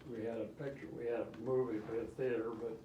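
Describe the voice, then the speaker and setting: An elderly man reminisces casually, haltingly rambling and repeating himself as he recalls things. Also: mid-range voice, little pitch movement, warm tone, highs cut off. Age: 80s or older. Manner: old man's halting, rambling recollection with repeats. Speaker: interviewee, grandfather. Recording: roomy, distant mic, faint background noise.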